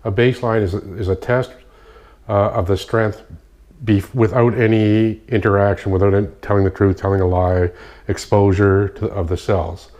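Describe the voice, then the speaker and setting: Male practitioner, lowish pitch, congested and nasal, explanatory, restarts his sentences. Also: steady tone, normal speed, darkish tone. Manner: explanatory, stops to correct himself. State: nasal from a sinus infection. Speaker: kinesiology practitioner. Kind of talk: casual spoken demonstration. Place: indoor room at night, dim light. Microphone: phone.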